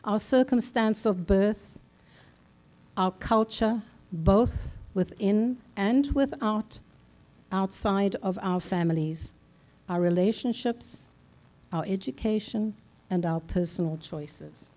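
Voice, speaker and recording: An older woman from South Africa giving a slow, deliberate personal speech at a conference, with measured, solemn pauses. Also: mid-range voice, dark tone. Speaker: conference speaker. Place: large conference hall.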